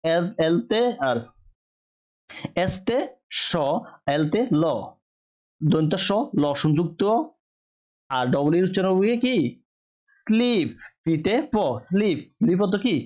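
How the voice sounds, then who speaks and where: A man's voice: high-pitched, expressive, darkish tone. Man teaching word sounds, asking and answering himself. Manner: asks and answers his own questions, repeating each word slowly. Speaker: English teacher. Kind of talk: spelling-and-pronunciation lesson.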